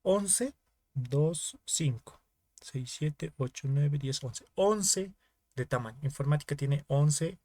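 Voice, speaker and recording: Slow-paced and lively in intonation, this young teaching assistant has a dark-toned voice on the high side, recorded without room sound. He has a Bolivian Spanish accent and teaches online in small repeated steps, often checking with students.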